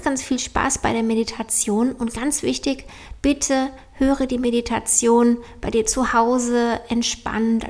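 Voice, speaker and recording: A woman with a slightly high voice gives a personal introduction to a meditation. She speaks as a coach, gently and encouragingly, straight to the listener.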